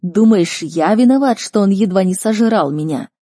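A woman's voice: fairly low pitch, moderate pace, breathy edge, no echo, clean studio sound. Woman playing an outraged nobleman father. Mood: angry. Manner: loud, commanding, outraged. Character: stern, angry nobleman father, a duke.

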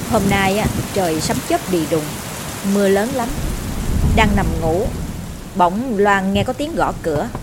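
A woman narrates a ghost story in a steady, even telling. Her voice sits at a middle pitch, and faint music plays beneath.

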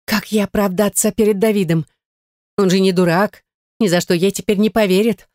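A woman narrating an audiobook in a steady, tense storytelling manner. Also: medium pitch, normal speed, no room sound, studio quality. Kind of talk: scripted narration.

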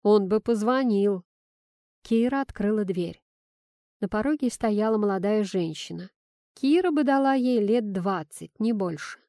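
A woman's voice: medium pitch, moderate pace, no room sound. Woman narrating a story in a dry close voice. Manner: lively, plays the scenes out.

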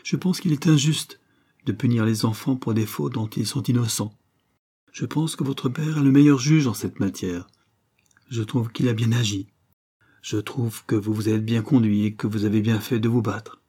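A man voicing a gentle, tearful elderly noblewoman and grandmother in an audiobook, speaking with soft, earnest pleading. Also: medium pitch, moderate pace, slightly rough, close to an everyday voice. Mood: warm, insistent.

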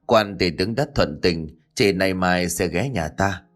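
A man voicing a young newly appointed mandarin, speaking smoothly and persuasively to his mother. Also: low voice, measured pace, soft background music. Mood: gentle. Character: young newly made mandarin son, gentle yet ambitious.

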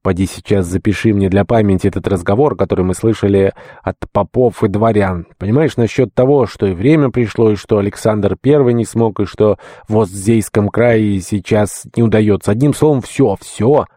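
A man voicing a brash, bullying man in an audiobook reading, with a loud, domineering bark. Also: lowish voice, normal speed, few pauses, no echo, studio quality, close to an everyday voice.

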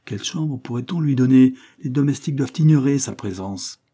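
A man's voice: mid-range voice, a little fast, warm tone, pitched above the performer's own voice, natural voice. A man reading aloud voices a brusque, stern old spinster who scolds curtly. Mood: stern scolding. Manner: curt and scolding.

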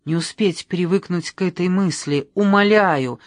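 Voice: mid-range voice, measured pace, no echo, clean studio sound. An audiobook reader voicing a desperate adult woman who pleads in a tearful, begging way.

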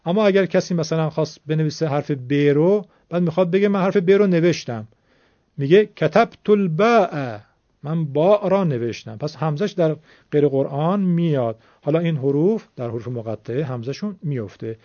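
A man's voice: fairly high pitch, mellow, no room sound, lo-fi sound. A man teaching Quran recitation, explaining patiently and formally step by step. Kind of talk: classroom-style explanation.

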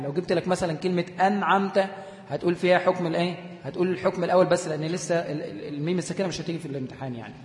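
A man with an Egyptian accent teaching a classroom lesson, explaining step by step, repeating definitions and quizzing his students. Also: a little high. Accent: Egyptian Arabic. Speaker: Quran recitation teacher. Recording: echoey room with long reverb.

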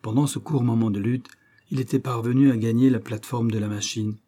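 Mellow-voiced man reading a novel aloud. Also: medium pitch, steady tone. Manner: measured, dramatic reading. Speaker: audiobook narrator. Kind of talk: scripted narration.

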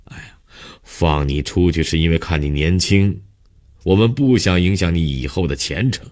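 A man voicing a stern middle-aged police captain in an audiobook, scolding and padding his talk with drawn-out fillers. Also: low-pitched, darkish tone, lightly acted. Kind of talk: audiobook character voice.

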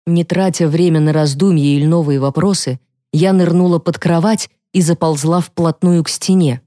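A woman narrating a psychological thriller audiobook in the first person with a steady, measured reading. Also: low voice, no echo, clean studio sound.

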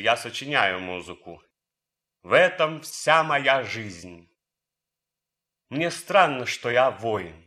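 In a radio drama, a male actor plays an idealistic German officer and composer, delivering his lines earnestly, deliberately and theatrically. His voice is medium in pitch with a sharp tone.

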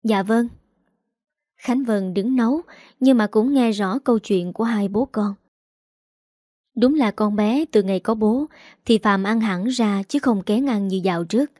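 A woman narrating a romance story in an even, plain reading style. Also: medium pitch, normal speed, dry recording, clean studio sound.

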